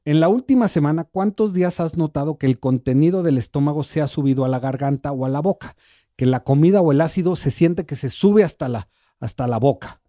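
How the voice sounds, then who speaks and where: A man, a gastroenterologist guest calmly explaining symptoms on a radio talk show. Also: on the high side, dry recording, clean studio sound. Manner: calm, explanatory, walks through a quiz step by step. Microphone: studio microphone.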